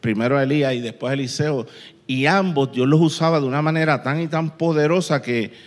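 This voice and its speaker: A man preaching a sermon, telling a story with lively sound effects and quoted voices. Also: fairly high pitch, fairly quick. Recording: long reverb in a large hall.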